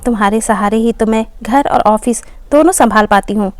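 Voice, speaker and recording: A woman's voice: fairly high pitch, normal speed, darkish tone, no echo, close to an everyday voice. A woman voicing a tired working daughter, exasperated and pleading with her mother and maid. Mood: coaxing. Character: weary young working daughter, tearful and frustrated.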